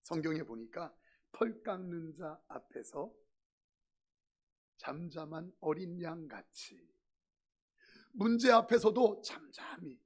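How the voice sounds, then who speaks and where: A man's voice: high voice, vocal fry, slightly rough. A middle-aged male pastor preaching a sermon in a church, mixing humorous stories with emphatic points. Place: church sanctuary.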